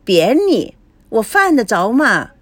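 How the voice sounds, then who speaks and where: 女声演绎的 娇嗔俏皮的年轻女子. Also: female voice, on the high side, very animated, slow pace, dry recording, heavily acted. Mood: teasing. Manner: teasing, coquettish.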